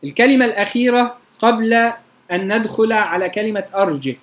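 An Egyptian-accented teacher explains recitation rules in a patient, lesson-style delivery. Verse examples are drawn out slowly and melodically, and the teacher often pauses to check that the class has understood. The voice sits at a middling pitch. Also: lively intonation. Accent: Egyptian Arabic. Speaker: teacher of Quranic readings.

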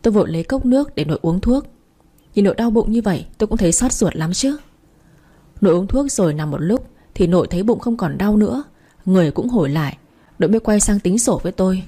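A woman narrates a first-person story in a lively storytelling manner. Her voice is mellow and warm, with a slight husky breathiness. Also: medium pitch, fast talker.

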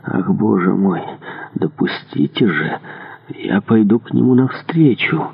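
A man's voice: on the low side, animated, slow, gravelly, breathy edge, exaggerated voice. A man voicing a humble older male councillor who talks in a flustered, deferential way. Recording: tinny narrow-band audio.

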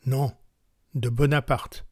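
A man reading the lines of a stern, gray-haired male stranger from a storybook in a grave, measured voice. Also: mid-range voice, flat delivery, darkish tone, no room sound, clean studio sound.

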